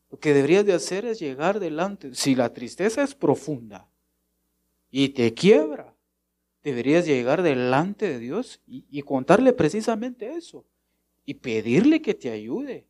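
Rich: A man preaching a sermon at an even middle pitch. He keeps asking his congregation questions and answers them himself. Now and then he drops to a softer voice to act out a short prayer.

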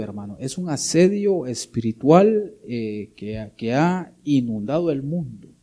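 Delivering a sermon in a dark-toned, mid-range voice, this man addresses the congregation directly. Again and again he seeks their agreement and calls them brother.

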